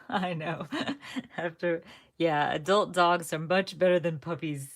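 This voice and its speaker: A woman's voice: lowish voice, fairly even intonation, slow. A young woman hosting a live crafting stream, chatting casually and rambling to her viewers, often correcting herself mid-sentence. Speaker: crafting livestream host.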